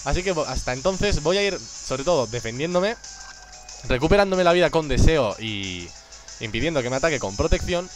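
A man giving casual, joking commentary on a game, excitable and prone to sudden shouts. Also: a little high, moderate pace, over music. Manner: excitable, joking, bursts into shouts and silly voices. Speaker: gameplay commentator.

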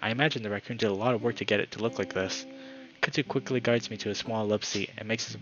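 A man's voice: fairly low pitch, fairly even intonation, quick pace, fairly bright tone, muffled recording. A man reading a visual novel aloud for his channel, narrating dramatically with the odd casual aside. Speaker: gaming YouTuber.

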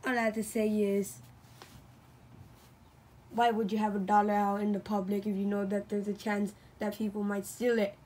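A woman's voice: medium pitch, level tone, moderate pace, pauses often, a little mellow. A woman making a plush toy video who talks playfully and voices many of the toy characters herself. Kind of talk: playful toy skit narration.

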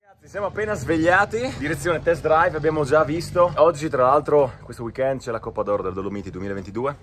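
A man's voice: fairly high pitch, quick pace, a little hiss or hum. A man with an Italian accent, vlogging casually and enthusiastically outdoors about the cars he sees. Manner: enthusiastic, excitable, talks to viewers. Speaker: car vlogger. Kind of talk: casual vlog commentary. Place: outdoors in a mountain town. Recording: with music behind.

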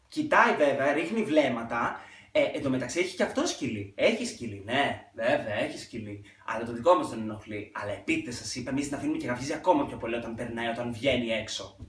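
A young man vlogger telling a casual storytime monologue, animated and dramatic with sudden loud outbursts. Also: mid-range voice, recorded from a distance. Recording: echoey room, off-mic.

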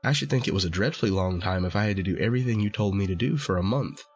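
A man's voice: fairly low pitch, racing, faint music behind, natural voice. A man voicing a cautious, earnest young boy who politely refuses in a storybook reading. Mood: wary.

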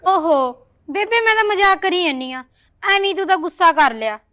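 A young woman plays a lovestruck schoolgirl in a family drama, playful and coaxing with her mother. Her voice is very high and light. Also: expressive, brisk, sharp tone, heavily acted. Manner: playful, coaxing, talks to herself. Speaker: daughter. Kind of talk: village family drama acting.

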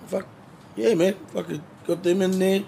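A man's voice: sits high, little pitch movement, normal speed, creaky, mellow, a little hiss or hum. A man chatting casually as a guest, laid-back and full of swearing and slang. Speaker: drummer, interview guest. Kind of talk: casual chat.

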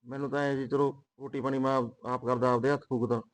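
A man's voice: mid-range voice, level tone, quick pace, lightly acted, poor audio. A modest young village man, played by an actor, courteous and deferential. His voice sits in the middle range. This is a rural drama. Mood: polite. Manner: polite, deferential, using 'ji'. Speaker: prospective groom.

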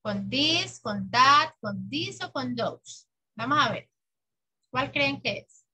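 A woman teaching English to children, patiently drilling words slowly and clearly in a bilingual lesson. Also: sits high, lively intonation, bright, forceful tone, rough recording. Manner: patient, exaggerated slow pronunciation for children. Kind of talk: bilingual classroom lesson, slow drilled repetition.

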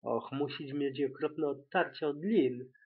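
A man's voice: medium pitch, measured pace, slightly rough. Guy doing a gushing drama-queen unicorn mare, fussy and theatrical, sounds like a tinny phone line. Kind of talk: amateur audiobook reading.

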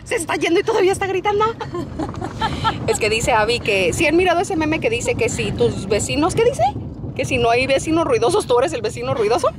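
A woman's voice: high-pitched, very animated, a little fast. A woman vlogger chatting and telling stories in a casual vlog, laughing often. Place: in a car and outdoors. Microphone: small handheld camera. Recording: noisy vehicle background.

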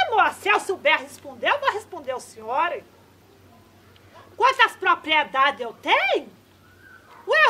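A woman's voice: very high-pitched, bright, forceful tone, heavily acted. A woman playing a flustered elderly countrywoman granny with rustic, fussy speech in a comedy sketch.

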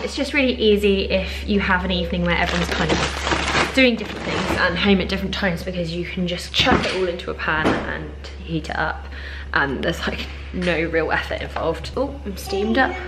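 A woman's voice: lowish voice, normal speed. A young woman chatting casually through a home kitchen vlog, rambling with lots of fillers. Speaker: vlogger. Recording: noisy kitchen recording.

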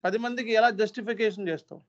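A man with a high voice lectures his trainees sternly and hammers each point home with repetition. He sounds like an earnest instructor pleading with his students. The recording is dull and lo-fi. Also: fairly even intonation, fast talker.

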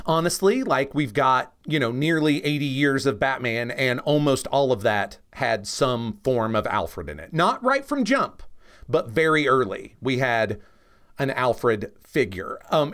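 A comics expert co-hosting a podcast explains things casually and with strong opinions, often checking in with the listener. His voice is mid-range and a bit bright.

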